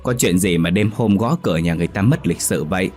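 A man's voice: sits low, fast talker, darkish tone, soft background music, close to an everyday voice. A man voicing a young villager in his twenties who speaks curtly in a narrated ghost story.

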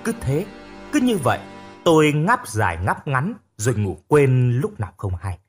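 A man narrating a first-person audiobook story in an expressive storytelling manner. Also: mid-range voice, normal speed, soft background music.

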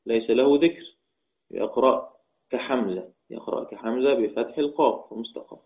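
A man with an Egyptian accent teaching a religious lesson, asking and answering his own questions and chanting quoted verses slowly. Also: medium pitch. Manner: slow melodic recitation of quoted verses between explanations; asks questions and answers them himself, repeating key points. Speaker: Quran recitation teacher. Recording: tinny phone-like audio.

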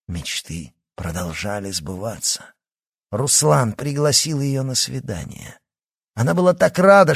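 A man giving expressive, dramatic scripted audiobook narration. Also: medium pitch, breathy edge, dry recording, clean studio sound.

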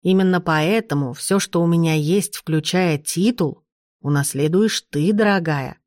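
A woman voicing an imperious, sharp-tongued old duchess grandmother in an audiobook, in a commanding, dry manner. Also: fairly low pitch, unhurried, dry recording, close to an everyday voice. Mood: earnest. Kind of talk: audiobook character reading.

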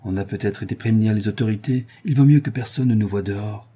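A man's voice: lowish voice, fast talker, mellow, breathy edge. A man voicing a blunt, jovial craftsman in a spoken storybook, with a wry way of talking.

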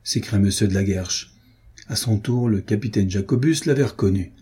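Male audiobook narrator, steady measured reading, husky breathy voice, dark tone. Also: lowish voice. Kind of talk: scripted narration of a historical novel.

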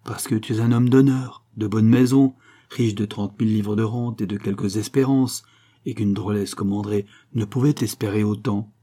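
A man's voice: on the low side, steady tone, moderate pace, warm tone, lightly acted. A man reading a curious young friend in an audiobook, asking pointed questions.

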